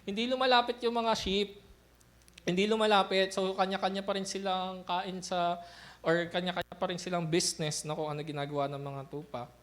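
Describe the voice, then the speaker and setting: High-voiced man preaching in casual style. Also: little pitch movement, a little fast, fairly bright tone. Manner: conversational Taglish preaching with frequent "no?" tag questions. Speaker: pastor. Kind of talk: sermon.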